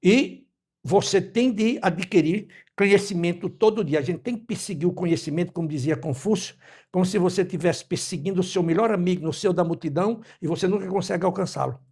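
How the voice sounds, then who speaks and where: Older man in his 80s, from Brazil, husky, slightly high voice, calm reflective interview talk. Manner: measured, sermon-like, quotes scripture and proverbs. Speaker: interview guest. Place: his home.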